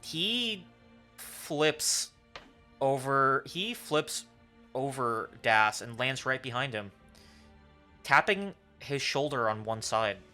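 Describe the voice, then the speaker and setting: A man narrating a tabletop role-playing game as game master, with deliberate, dramatic storytelling. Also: mid-range voice, lively intonation, pushed and bright, faint music behind.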